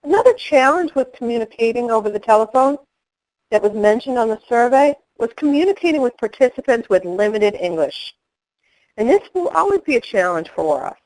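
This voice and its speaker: Woman with a fairly high voice, presenting a training webinar. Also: animated, a little fast, a little mellow, poor audio.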